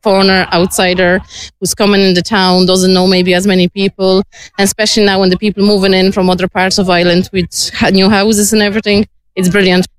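A woman's voice: mid-range voice, little pitch movement, fairly quick, clear, resonant tone, no echo. A woman from Poland with a Polish accent, speaking English informally and with enthusiasm in an interview. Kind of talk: casual interview.

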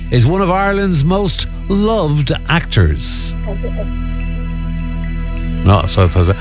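An Irish man presents a radio phone-in competition in a casual, bantering style. His voice sits a little high and moves up and down in a very animated way, with faint music underneath. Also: slow pace. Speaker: radio host running a phone-in quiz.

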